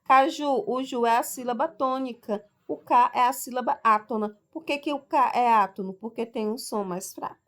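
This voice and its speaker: A woman teacher with a slightly high voice explains her lesson patiently, one step at a time. She slows right down on each example word and keeps checking that her class follows along. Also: a bit bright. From Brazil. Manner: explains step by step, stresses example words slowly. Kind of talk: recorded school lesson.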